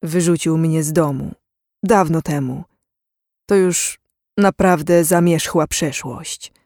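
A narrator voicing a gentle, evasive young man who talks hesitantly about his past, in an audiobook reading. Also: on the high side, dry recording, clean studio sound. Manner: hesitant, slow, sparing with words.

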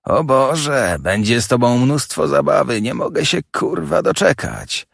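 A man voicing a menacing masked young man who taunts in low, slow, growling tones. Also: animated, creaky, dry recording, studio quality, heavily acted.

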